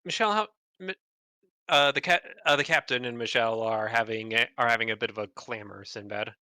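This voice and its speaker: A man narrating a tabletop game as game master, halting and repeating words. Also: mid-range voice, bright, forceful tone, no room sound, studio quality.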